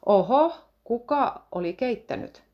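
A woman's voice: fairly high pitch, expressive, muffled recording, voice pushed up, close to an everyday voice. A woman reading a curious adult male friend who keeps asking questions.

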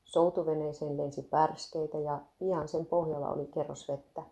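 A woman narrating a devotional story aloud in a steady, even reading. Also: sits low.

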